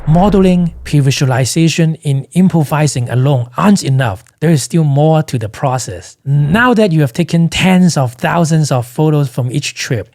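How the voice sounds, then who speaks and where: A man's voice: on the high side, darkish tone. A man with a Cantonese accent giving scripted instructional narration as a photography educator.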